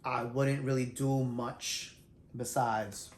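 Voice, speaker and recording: A middle-aged man telling his singing story in a loose, animated, conversational way, teaching as he goes. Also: mid-range voice, slow, slight background noise. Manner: animated, self-described shy introvert, loose and conversational. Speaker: vlogger sharing singing tips. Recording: roomy echo.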